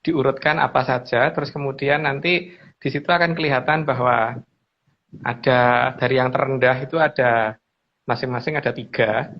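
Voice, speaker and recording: Appearing as a regular guest who explains lore, a man with a Javanese accent talks casually and hesitantly, often hedging his statements. His mid-range voice is steady and moderately paced, heard over an online video call with dull, muffled audio.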